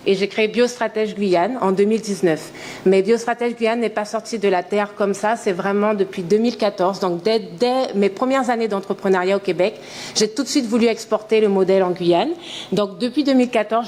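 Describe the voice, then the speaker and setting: A woman's voice: mid-range voice, a little fast, a little mellow, slight background noise. A woman in her thirties from French Guiana, an entrepreneur giving a conference talk, speaking earnestly and with enthusiasm, with frequent hesitations. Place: conference hall.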